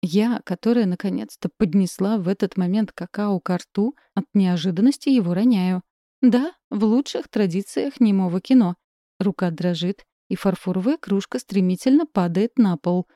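A young woman narrating a first-person novel as an audiobook, with wry, lively storytelling. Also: medium pitch, dry recording, clean studio sound.

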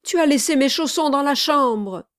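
A woman voicing Charlot, a frightened young male thief, in shrill, urgent outbursts. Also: a little slow, a little mellow, no room sound, clean studio sound, close to an everyday voice. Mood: panicked.

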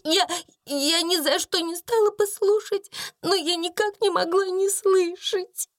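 A woman's voice: extremely high pitch, fairly even intonation, measured pace, no echo, clean studio sound, pitched above the performer's own voice. A woman voicing a timid young servant girl who stammers and cries as she pleads. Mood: sobbing, pleading. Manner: stammering, sobbing. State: crying.

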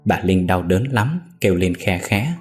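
A male storyteller with a low voice reads a dark tale in a grave, measured way. Soft music plays faintly underneath his narration. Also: expressive.

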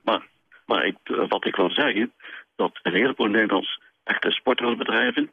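Gravelly older man calling in by phone. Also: lowish voice, moderate pace, no echo. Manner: rambling, insistent, hesitant with many fillers. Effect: heard over a telephone line. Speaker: radio show caller. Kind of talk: call-in radio chat. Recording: dry, tinny phone line.

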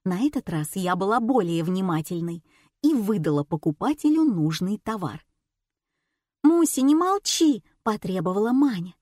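A woman narrating a comic story in the first person, with a lively, expressive reading. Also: on the low side, moderate pace, dry recording, studio quality. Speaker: audiobook narrator.

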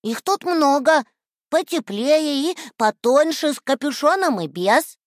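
Buratino, a shrill wooden boy. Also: lively intonation, measured pace, dry recording, clean studio sound. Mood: eager. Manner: shrill, pleading and defiant. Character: stubborn hot-tempered wooden puppet boy.

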